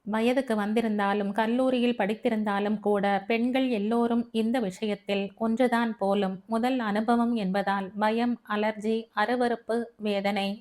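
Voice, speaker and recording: Female audiobook narrator, steady storytelling, slightly high voice. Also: a little slow, hardly any pauses. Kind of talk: scripted narration.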